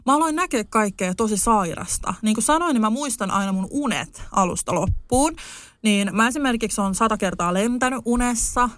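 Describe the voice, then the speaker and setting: Young woman, podcast co-host, casual lively storyteller, dry recording. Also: no echo. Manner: animated, lively storyteller with sudden high outbursts.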